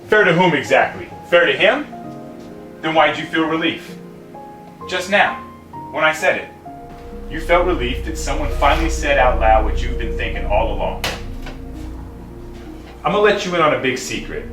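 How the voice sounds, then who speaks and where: A man playing a smooth-talking devil salesman. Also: on the high side, expressive, moderate pace, pauses often, natural voice. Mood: soothing. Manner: persuasive, mocking. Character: smooth-talking male devil posing as a salesman, scornful of humanity. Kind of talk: short film acting. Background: music.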